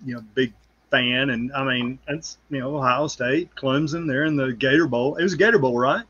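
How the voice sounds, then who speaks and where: A man's voice: medium pitch, moderate pace, bright, forceful tone, breathy edge, muffled recording. A middle-aged man in casual sports chat, rambling with lots of "you know" asides.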